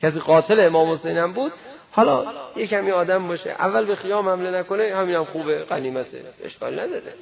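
A man's voice: sits high, animated, gravelly, highs cut off. A man giving a religious lecture, asking rhetorical questions and acting out imagined exchanges with his listeners. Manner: rhetorical, acts out imagined dialogues. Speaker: preacher.

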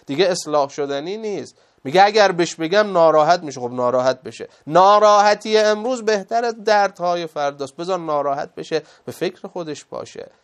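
A man's voice: on the high side, clean tone. A man giving a moral lecture as a religious speaker, emphatic and full of rhetorical questions.

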